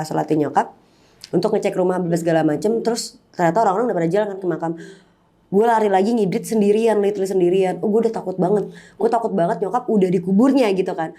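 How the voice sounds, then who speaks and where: Interview guest: woman, mellow voice, candid and heartfelt storytelling. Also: mid-range voice. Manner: candid, emotional, mixes in English words. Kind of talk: personal storytelling in casual chat.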